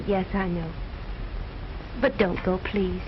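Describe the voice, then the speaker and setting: A woman's voice: on the low side, fairly even intonation, slow pace. A woman playing an anxious, genteel madame with a pleading manner in an old film drama. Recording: muffled old film soundtrack, loud noise.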